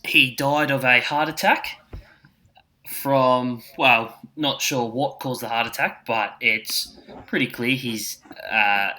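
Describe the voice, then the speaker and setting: Bright, forceful blokey Australian man. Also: medium pitch, fairly even intonation, takes it slowly. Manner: blokey, matey Aussie slang like a tradesman. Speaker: podcast co-host. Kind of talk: casual chat with mates.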